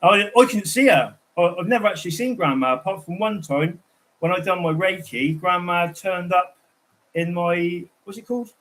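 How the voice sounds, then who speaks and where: A man's voice: sits high, moderate pace, a bit bright, rough recording. A man chatting casually on a livestream, telling rambling, digressive stories.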